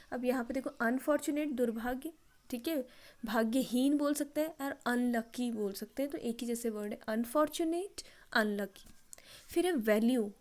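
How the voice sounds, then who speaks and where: Woman, vocabulary teacher, patient classroom explaining, voice a touch high, Hindi with English examples. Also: warm tone. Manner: explains in Hindi with English example sentences, checks understanding often. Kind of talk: classroom-style vocabulary lesson.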